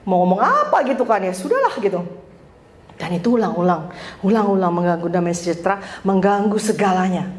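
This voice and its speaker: A woman pastor giving a conversational sermon, telling a personal story with lively storytelling and frequent laughter, acting out dialogue. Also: mid-range voice, fairly quick. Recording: echoey church hall, faint room noise.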